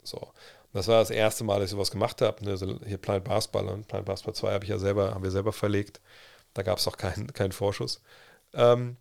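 Man, casual livestream storytelling, slangy chatter, gravelly voice, dry close sound. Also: fairly low pitch, level tone, quick pace, a little mellow, dry recording. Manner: chatty, slangy, restarts and quoted self-talk. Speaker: livestream host.

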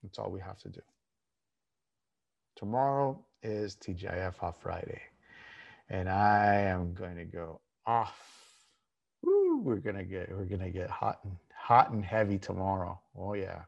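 A man speaking informally and candidly as a coach, giving an emphatic motivational talk with repeated phrases and slowed, stressed words. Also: deep voice, sing-song, creaky, lo-fi sound. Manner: informal, candid, mildly crude. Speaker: fitness and mindset coach, show host.

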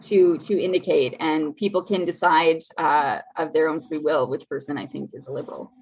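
A woman's voice: low voice, steady tone, normal speed, a little mellow, a little hiss or hum, rough recording. A woman podcast host chatting casually in a jokey, rambling way. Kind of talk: casual chat.

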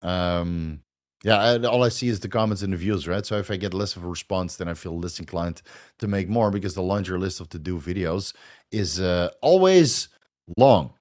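Dutch-accented man, casual and low. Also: expressive, normal speed, a little mellow. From Netherlands. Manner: loose, swears, laughs often. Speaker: host answering viewer questions. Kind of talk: casual livestream Q&A.

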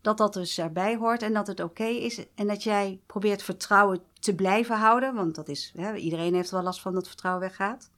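A woman's voice: medium pitch, brisk, few pauses, a bit bright. A woman hosting a podcast interview, often affirming her guest and reflecting back what she hears. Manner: affirming, frequent agreeing interjections. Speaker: podcast host. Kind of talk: conversational interview.

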